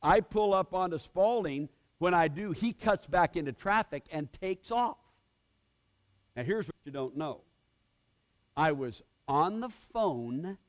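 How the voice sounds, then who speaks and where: A middle-aged male pastor preaching a sermon, telling a personal story and swinging from quiet asides to loud, emphatic outbursts. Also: high voice.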